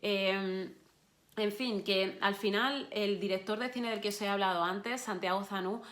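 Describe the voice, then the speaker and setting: A woman's voice: medium pitch, fairly even intonation, measured pace, a bit bright. A woman giving an online course talk, encouraging her listeners directly, with frequent restarts and fillers. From Spain.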